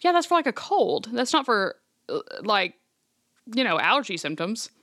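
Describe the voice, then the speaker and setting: A woman's voice: a little high, sing-song, a bit bright, no room sound. A woman hosting a casual podcast, chatting in an upbeat, teasing way on a close studio mic. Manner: teasing, upbeat, quick banter. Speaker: podcast host.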